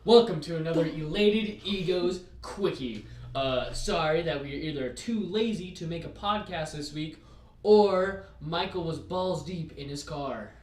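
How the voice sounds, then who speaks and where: A man's voice: on the high side, measured pace. A young man hosting a casual podcast rant, rambling with many fillers. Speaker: podcast host. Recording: echoey room, distant mic, faint noise.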